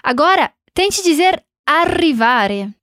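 A woman with a high voice teaching a recorded language lesson. She encourages the learner and slows down to model each sound for repetition. The recording is close and dry. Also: sing-song, fairly bright tone, dry recording. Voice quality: encouraging, models pronunciation slowly.

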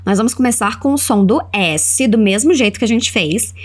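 A woman with a Brazilian accent teaching English in an audio lesson, saying model phrases slowly for the listener to repeat. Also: fairly high pitch, lively intonation. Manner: slow, carefully spelled-out model phrases for repetition.

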